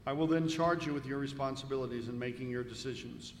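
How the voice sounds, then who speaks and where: As presiding judge, a man with a medium-pitched voice reads formal scripted instructions to a jury at a quick pace. The recording comes from an echoey, reverberant hall with faint noise.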